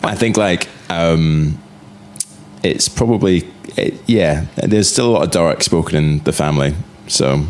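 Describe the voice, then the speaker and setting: A man's voice: deep voice, measured pace, a little mellow. A man with a north-east Scottish accent, chatting casually as a guest on a podcast. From Aberdeenshire, Scotland. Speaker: distillery representative, podcast guest.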